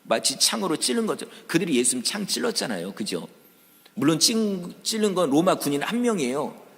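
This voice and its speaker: A man's voice: on the high side, very animated, brisk, gravelly. A man preaching a Sunday sermon, talking straight to his congregation and acting out the voices of crowds in the story. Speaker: pastor. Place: church sanctuary. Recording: church hall reverb.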